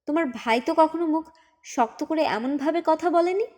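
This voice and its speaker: A woman's voice: high-pitched, moderate pace, a little mellow, pitched above the performer's own voice, lightly acted. A woman voicing a grieving, irritable mother who snaps curtly at everyone in an audiobook. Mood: bitter, curt. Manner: curt and bitter. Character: grieving, irritable young mother, sharp-tongued.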